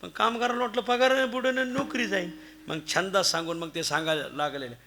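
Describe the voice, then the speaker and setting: A man preaching a devotional kirtan sermon, telling stories with lively swings between loud exclamations and hushed asides. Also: high-pitched, brisk.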